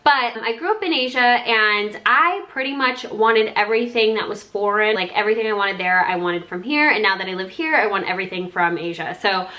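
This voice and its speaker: A woman's voice: medium pitch, a little fast, few pauses, pushed and bright. A young woman who grew up in Singapore, chatting in a bubbly, gushing way as she unboxes skincare products for her channel. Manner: bubbly, chatty, lots of "like" and "oh my God". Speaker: beauty YouTuber. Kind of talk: sponsored skincare unboxing vlog.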